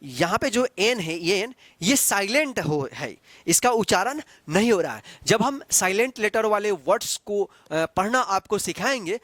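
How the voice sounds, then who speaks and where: High-voiced man teaching English pronunciation. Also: very animated, fairly bright tone, no echo. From Bihar, India. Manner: repetitive, asks questions and answers them himself; spells words letter by letter slowly. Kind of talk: classroom-style spelling and pronunciation lesson.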